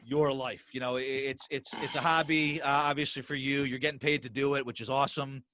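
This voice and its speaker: A man's voice: mid-range voice, level tone, fairly quick, pushed and bright. A middle-aged man hosting a podcast, chatting casually and animatedly, with lots of restarts and repeated words. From US Northeast. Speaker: podcast host. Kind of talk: casual interview chat.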